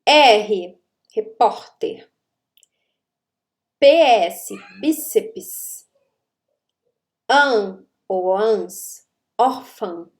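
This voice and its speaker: A woman's voice: mid-range voice, expressive, drawn-out words, pauses often. A woman, a grammar teacher who explains rules step by step and checks understanding with rhetorical questions. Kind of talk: explanatory online lesson.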